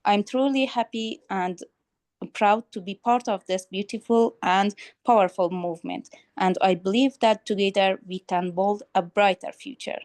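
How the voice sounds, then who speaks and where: A woman's voice: medium pitch, fairly even intonation, normal speed, a little mellow, dry recording. Young afghan woman saying thanks on a call, hesitant, dry sound. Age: young adult. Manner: grateful, hesitant with fillers. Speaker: program participant. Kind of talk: prepared thank-you message. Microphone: video call.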